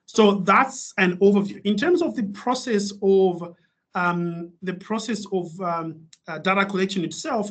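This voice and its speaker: A man's voice: high voice, a bit bright. A man from Malawi presenting as a guest speaker in an online webinar, explaining things with many fillers and restarts over a video call.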